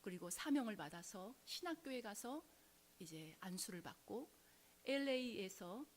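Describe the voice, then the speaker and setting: Animated woman telling a sermon story. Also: mid-range voice, normal speed. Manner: dramatic storytelling, acting out quoted voices, dropping to whispers. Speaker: preacher.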